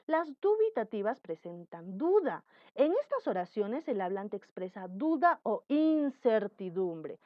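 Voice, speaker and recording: A woman's voice: mid-range voice, no room sound, dull audio. A woman teaching a grammar lesson, explaining patiently and acting out example sentences. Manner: explains slowly, acts out example sentences with lively intonation.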